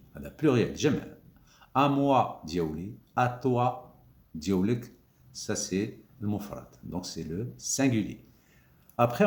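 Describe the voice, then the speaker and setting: A man's voice: fairly low pitch, darkish tone, roomy sound. A man teaching French grammar, repeating key words with emphatic rises and mixing in Arabic glosses. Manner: switches between French and Moroccan Arabic glosses. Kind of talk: grammar lesson explaining examples.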